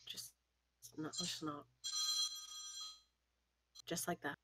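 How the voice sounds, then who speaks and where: A woman's voice: low voice, flat delivery, drawn-out words, background noise. A woman playing in a tabletop game over a call, hesitant and thinking aloud. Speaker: player. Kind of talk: casual chat. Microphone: video call.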